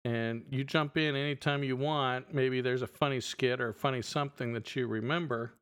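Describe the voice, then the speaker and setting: A man's voice: medium pitch, moderate pace, clear, resonant tone. A middle-aged man co-hosting a podcast, chatting in a loose, rambling way with plenty of fillers. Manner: relaxed, rambling, many fillers. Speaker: podcast co-host. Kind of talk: casual chat.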